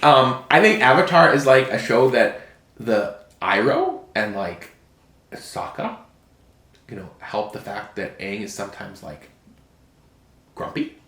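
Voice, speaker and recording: A man's voice: on the low side, huge pitch swings, unhurried, pauses often, fairly bright tone. A man co-hosting a casual podcast chat, rambling and restarting his sentences. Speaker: podcast co-host. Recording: roomy echo.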